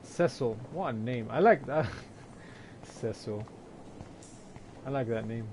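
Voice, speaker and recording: A man's voice: medium pitch, lively intonation, takes it slowly, noisy background. A young man casually commenting on a game as he plays, rambling and joking with his chat. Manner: rambling, jokey, talks to chat. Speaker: gameplay streamer. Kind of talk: casual let's-play commentary.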